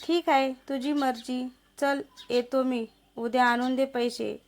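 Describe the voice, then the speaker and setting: A woman's voice: sits high, steady tone, measured pace. A woman doing a menacing moneylender man. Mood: coaxing. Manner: threatening, coaxing. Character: lecherous menacing male village moneylender. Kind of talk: storybook narration.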